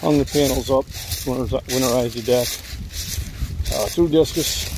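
A man's voice: mid-range voice, moderate pace. Older man vlogging on a woodland walk. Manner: rambling, relaxed, thinking aloud while hiking. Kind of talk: casual walking vlog. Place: outdoors in woods. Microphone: phone held at arm's length while walking. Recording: outdoor noise from walking through woods.

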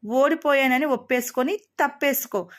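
A woman's voice: sits high, normal speed, voice pushed up, close to an everyday voice. Woman voicing teasing, confident young woman. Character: bold teasing young woman setting a bet.

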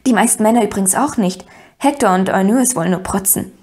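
A woman's voice: medium pitch, fast, darkish tone, lightly acted. A woman reading an audiobook, voicing a proud young noblewoman who speaks in a teasing, knowing way.

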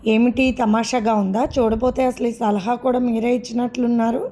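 A woman's voice: on the high side, level tone, normal speed, dark tone, a little hiss or hum, lightly acted. A woman voicing a mildly annoyed young bride in a storybook reading. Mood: mock-annoyed. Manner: mock-annoyed.

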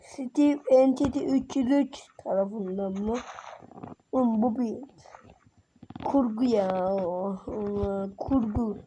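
A woman giving casual, slangy commentary while playing a game; she is a bit sick and her voice sounds rough. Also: on the high side, takes it slowly, mellow, a little hiss or hum. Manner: chatty, self-conscious, slangy. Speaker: gaming channel host.

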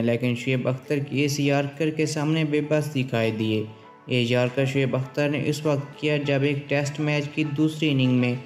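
A man reading a scripted sports countdown voice-over in a steady, formal delivery. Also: fairly high pitch. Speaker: channel narrator. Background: faint background music.

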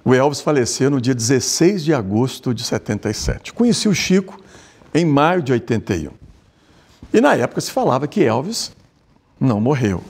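A man interviewed for a documentary who recounts a personal memory with gentle humor. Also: medium pitch, big pitch swings, normal speed, breathy edge.

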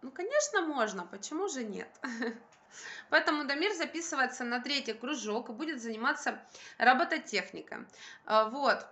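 Pushed and bright, her voice sits high with lively intonation and a moderate pace. She's a young mother vlogging casually to camera indoors near a window, phone at arm's length, talking emphatically and colloquially and repeating herself.

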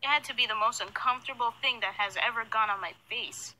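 A young woman telling a story in a casual, animated scripted narration, in a youthful voice. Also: on the high side, fast talker. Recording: noisy screen-recorded playback.

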